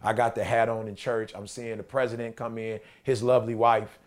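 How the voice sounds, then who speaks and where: His voice is mid-range, brisk and flat in delivery: an American man in his forties recounting personal stories on a casual podcast. Like a preacher and motivational speaker, he's emphatic, slangy and repetitive, regularly checking whether the listener is with him.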